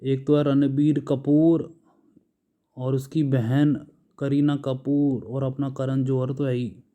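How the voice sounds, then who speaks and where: Slow, dark-voiced Indian man teaching vocabulary. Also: mid-range voice, level tone, dull audio. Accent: Indian English. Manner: slow, patient, drawn-out word lists. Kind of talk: explaining English words in Hindi.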